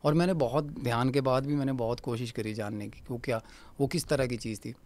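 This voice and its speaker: A man's voice: medium pitch, steady tone, a little fast, a little mellow. Man vividly retelling a ghost encounter. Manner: vivid storyteller who repeats phrases for emphasis; mixes English words into his speech. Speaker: guest paranormal researcher. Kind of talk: recounting a ghost encounter in a podcast interview.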